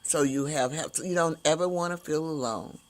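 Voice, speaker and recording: A woman hosting an inspirational podcast, speaking in slow, drawn-out emphatic phrases. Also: low voice. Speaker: host.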